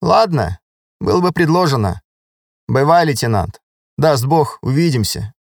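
A man's voice: medium pitch, very animated, unhurried, vocal fry, no room sound, clean studio sound, pitched above the performer's own voice, full character voice. A man voicing a bold, teasing army sergeant woman. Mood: huffy. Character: flirtatious woman army sergeant around forty.

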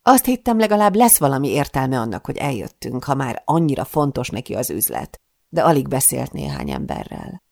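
A woman's voice: extremely low pitch, sing-song, vocal fry, a little mellow, no echo, clean studio sound. A woman narrating a first-person audiobook in a dramatic, breathless manner.

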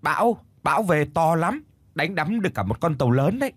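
A man voicing a bustling old village woman who shouts urgently to a half-deaf neighbor. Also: medium pitch, expressive, dry recording, close to an everyday voice. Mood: urgent, shouting. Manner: shouting slowly into a deaf ear. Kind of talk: storytelling.

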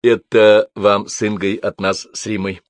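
A man's voice: on the low side, flat delivery, a little slow, no room sound, lightly acted. Awkward young man, stiff and faintly pompous, voiced by the narrator. Storybook reading.

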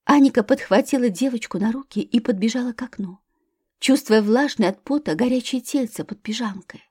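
Woman audiobook narrator, tense and measured, higher pitch, dry close sound. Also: a little mellow, breathy edge, no echo. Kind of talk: scripted thriller narration.

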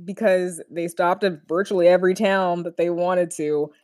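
A woman's voice: lowish voice, fairly even intonation, moderate pace, a little mellow, dry recording, studio quality. A young woman co-hosting a podcast, chatting casually and playfully about a cartoon episode, laughing often and acting out quotes. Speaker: podcast co-host.

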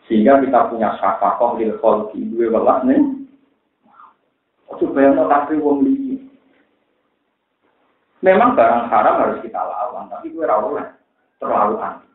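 A man's voice: mid-range voice, normal speed, pauses often. Javanese-accent guy preaching, storytelling with jokes, tinny roomy sound. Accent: Central Javanese. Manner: lively storytelling, mixes jokes and pleading. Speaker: Islamic preacher. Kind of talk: religious lecture to a congregation. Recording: echoey, tinny lo-fi recording.

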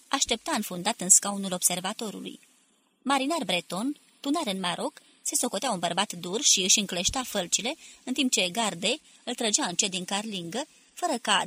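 A woman narrating a novel as an audiobook, lifting her voice for the characters' shouts. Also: mid-range voice, husky. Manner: lively, raising her voice for quoted shouts.

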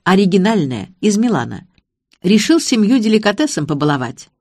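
A woman's voice: big pitch swings, brisk, a little mellow, no room sound, studio quality. Woman voicing a whiny panicky businessman. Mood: evasive. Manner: whiny, evasive, shrill when panicking. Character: cowardly panicky middle-aged male businessman.

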